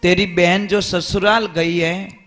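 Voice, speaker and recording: High-voiced preacher with a Rajasthani accent. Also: male voice, flat delivery, slow, a bit bright, soft background music. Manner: dramatic storyteller, acting out dialogue. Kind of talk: Hindi devotional sermon with storytelling.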